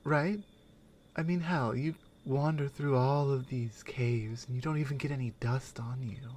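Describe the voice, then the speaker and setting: With a bass voice, a woman portrays a strong, skeptical Nordic warrior companion in a soft, intimate ASMR roleplay. She's wry and concerned, musing with pauses and murmured asides.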